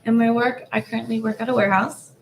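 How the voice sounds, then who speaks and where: A woman's voice: on the high side, fairly even intonation, fast, vocal fry, noisy background. A woman in her twenties, a panel guest, introducing herself casually and frankly. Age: 20s. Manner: casual, frank, trailing off softly.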